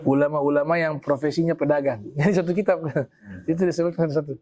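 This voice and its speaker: A male preacher with a North Maluku Malay accent, telling religious stories in a lively, animated way and acting out the characters' speech. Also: on the high side, fast. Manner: animated storyteller, acts out quoted speech. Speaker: Islamic preacher. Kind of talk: storytelling religious talk.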